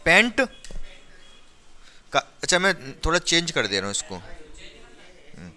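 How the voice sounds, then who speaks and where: A man's voice: on the high side, sing-song, takes it slowly, sharp tone. A man teaching a chemistry lesson to a class, talking students through each step and constantly checking they follow. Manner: questioning, drills students with repeated checks. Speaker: science teacher.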